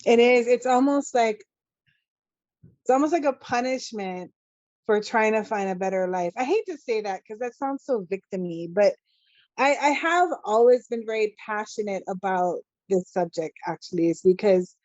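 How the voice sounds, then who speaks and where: A woman's voice: mid-range voice, darkish tone, no echo. A woman, a podcast guest speaking earnestly and with feeling, often restarting her sentences. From Hawaii. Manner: earnest and impassioned, with halting restarts. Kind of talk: casual podcast interview. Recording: dull, dry lo-fi sound.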